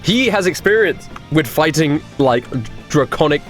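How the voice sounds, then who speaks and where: A man's voice: fairly high pitch, animated, a little slow, soft background music. A man acting as game master, casually narrating and ruling on a tabletop role-playing game.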